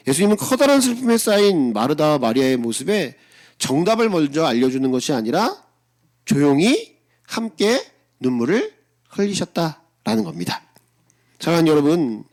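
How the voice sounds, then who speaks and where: A middle-aged pastor preaching a sermon in a high, lively voice that climbs and drops a lot. He talks with his congregation more than at them, firing rhetorical questions and acting out blunt replies of his own. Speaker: senior pastor.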